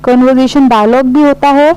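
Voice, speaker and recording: A woman teacher, giving an exam-prep lesson. She reads definitions slowly, then explains them quickly. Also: sits high, steady tone, darkish tone, smooth, highs cut off.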